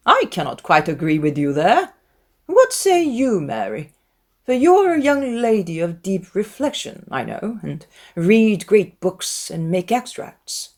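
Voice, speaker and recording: A woman voicing a wry middle-aged gentleman father in a dramatized classic novel, speaking in a formal, mock-solemn, teasing way. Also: mid-range voice, voice pushed up.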